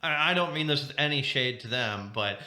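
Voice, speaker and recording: A man's voice: mid-range voice, lively intonation, a little fast, bright, forceful tone. A young man on a podcast, telling a rambling story with lots of laughs and asides. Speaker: podcast co-host. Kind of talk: casual chat. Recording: roomy echo.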